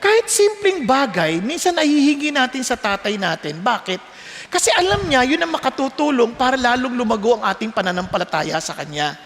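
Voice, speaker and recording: A man preaching a sermon as pastor, telling stories in an animated way that often climbs in pitch and volume. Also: a little fast, big-room sound, slight background noise.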